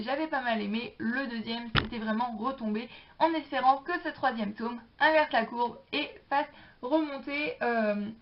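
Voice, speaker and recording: A young woman talks casually about her latest library books in a fairly high voice. She hesitates often, fills gaps with little fillers, and keeps going in a friendly chatty flow. The recording sounds dull and lo-fi. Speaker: book vlogger. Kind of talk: casual book haul chat.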